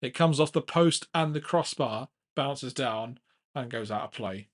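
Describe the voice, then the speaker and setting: A man's voice: mid-range voice, measured pace. Casual man calling a football match. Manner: casual play-by-play with frequent restarts, excitable at chances. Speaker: watchalong host. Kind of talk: live football watchalong commentary.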